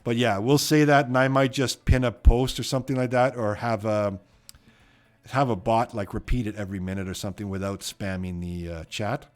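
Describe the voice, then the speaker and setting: His voice on the low side, steady in tone and at a moderate pace, an Edmonton man with a Canadian accent hosts a trivia live stream. He reads out viewer comments and rambles chattily, with lots of fillers and "you know what".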